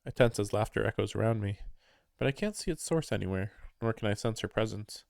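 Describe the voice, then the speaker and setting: A man's voice: on the low side, expressive, a little fast, vocal fry, darkish tone, no room sound. Man reading a game aloud, dry close sound. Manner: reads text plainly, then breaks into chatty, laughing asides. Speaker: let's player. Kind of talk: reading a visual novel aloud with casual commentary.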